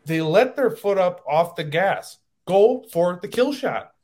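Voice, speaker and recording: Male podcast host, higher-pitched, emphatic and animated in casual sports talk. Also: a little slow. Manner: animated, gets worked up and emphatic.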